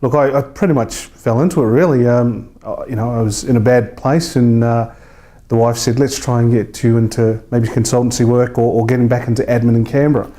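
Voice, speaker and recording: In a casual interview, a thirty-something man from New Zealand talks at a brisk pace. He has a dark, very relaxed voice pitched at an average male level. His manner is colloquial and slightly hesitant, much like an estate agent chatting casually.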